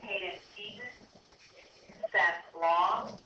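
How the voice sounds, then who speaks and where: A woman making a school intercom announcement, briskly reading out a list of names to call students to the office. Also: on the low side, fairly even intonation, a little hiss or hum. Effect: school intercom loudspeaker. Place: classroom, heard over the intercom. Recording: distant echoey lo-fi loudspeaker.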